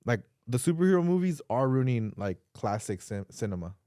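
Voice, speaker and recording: Male podcast host, mid-pitched and dry-sounding, casual and opinionated, slangy, swears while earnestly making a case. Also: sing-song, a little fast, dark tone, no room sound. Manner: slangy, profane, earnestly arguing a point.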